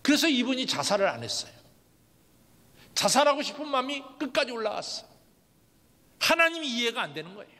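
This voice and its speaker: High-voiced preacher in an echoing hall. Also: male voice, big pitch swings, a little fast, long pauses, sharp tone. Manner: emotional storytelling in short dramatic phrases. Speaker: pastor. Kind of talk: sermon. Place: large church event hall. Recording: long hall reverb at a church gathering.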